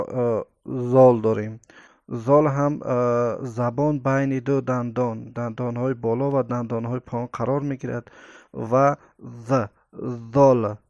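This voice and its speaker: A man teaches Arabic letter sounds in a careful, step-by-step lesson. His voice sits at an ordinary middle pitch and sounds dry and close to the mic. He lingers on each sound and fills the gaps with hesitant "uh"s. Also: a little mellow, no echo, muffled recording. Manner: slow and deliberate, repeats each sound aloud with many hesitant "uh" fillers. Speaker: Quran and Arabic alphabet teacher.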